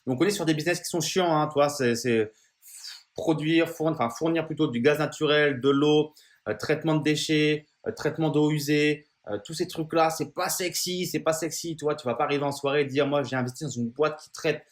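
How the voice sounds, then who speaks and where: A man in a relaxed explainer video, chatting straight to the viewer as a friend would. He talks informally, pauses on fillers and restarts his sentences often. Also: a little high. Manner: addresses viewer familiarly. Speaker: finance YouTuber.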